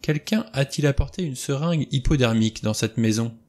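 A man reading a novel aloud, voicing an elderly judge who speaks in a calm, formal, deliberate way. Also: medium pitch, pitched above the performer's own voice, lightly acted. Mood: measured.

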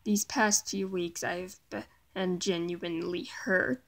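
A woman speaking in an emotional confessional video, upset and with a cracking voice, talking in halting, broken phrases that sink to a near whisper. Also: on the low side, fairly even intonation, gravelly, a bit bright. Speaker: vlogger.

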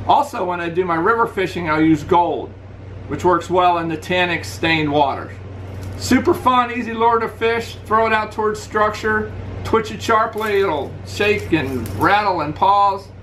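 This fishing channel host, a middle-aged man, reviews gear casually at home in his living room, showing lures to his webcam with a relaxed, practical air. He talks at a measured pace in a voice pitched fairly high for a man. The recording is low quality, and an air conditioner hums faintly in the background.

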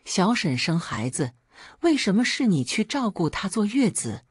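A woman's voice: medium pitch, very animated, moderate pace, husky, dry recording, studio quality. A woman voicing a sympathetic young adult daughter who speaks earnestly and encouragingly. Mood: caring.

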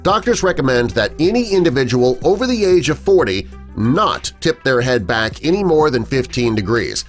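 A man's voice: medium pitch, a bit bright. A man reading a scripted narration of a news story in a dramatic storytelling manner. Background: faint background music.

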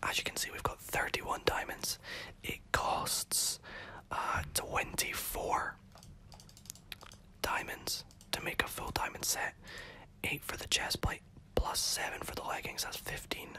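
A gaming host whispering soft, chatty commentary over gameplay, self-correcting as they go, while losing their voice and coughing now and then. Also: unhurried.

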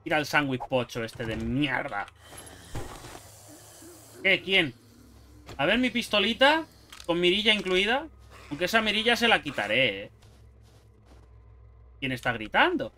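A young gameplay YouTuber with a Spain Spanish accent gives casual let's-play commentary, lively and swearing as he talks to himself and to the game. His voice sits on the high side at a measured pace, with long pauses and a slight hiss or hum.

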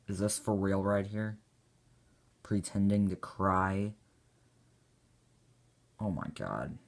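A man doing reaction commentary on his own old gaming video, excitable and mocking himself. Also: on the low side, drawn-out words, gravelly, long pauses. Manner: mocking, self-deprecating, excitable.

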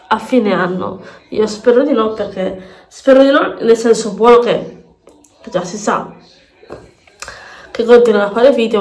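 Congested woman with a pinched nasal voice. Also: mid-range voice. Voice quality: nasal, pinched blocked-nose voice. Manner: rambling, repeats words and phrases. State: congested with a head cold. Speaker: beauty vlogger. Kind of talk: casual chatty makeup vlog. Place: bathroom at home.

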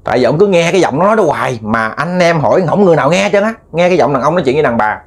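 A man's voice: fairly high pitch, lively intonation, rapid-fire. A man with a Southern Vietnamese accent telling a ghost story in a chatty, repetitive way, addressing listeners as family. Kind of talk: casual spoken storytelling.

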